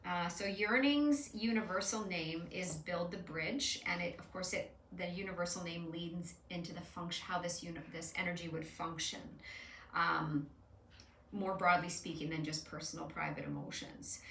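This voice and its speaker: Woman host, chatty and explanatory, bright tone, recorded at a distance in a roomy space. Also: lowish voice, fairly even intonation, normal speed, a little hiss or hum. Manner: chatty, explanatory, with frequent fillers and restarts. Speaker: host doing card readings with an AI. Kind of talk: casual spoken reading. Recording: echoey room, somewhat far from mic.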